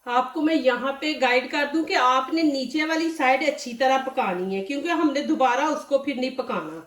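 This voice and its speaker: A cooking channel host with a sore, dry throat chats through a step-by-step demo in her home kitchen, often saying "see this" as she guides viewers through each stage. Her high voice moves at a moderate pace, and the mic sits at a distance in an echoey room.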